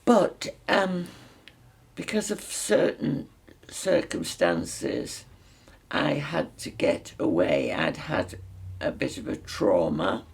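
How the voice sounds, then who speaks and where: A very old woman in her nineties with a mixed Northern English accent, reminiscing in an unhurried, emphatic way with pauses. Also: a bass voice, very animated. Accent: mixed Northern English, Lancashire. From Salford, north of England. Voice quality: very old woman's voice, husky and creaky. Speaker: interview guest. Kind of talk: reminiscing life story in conversation.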